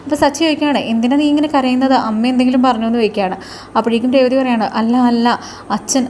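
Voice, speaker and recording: Rapid chatty woman recapping a serial. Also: a little high, darkish tone, slight background noise. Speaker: serial episode reviewer. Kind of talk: casual spoken recap of a TV serial.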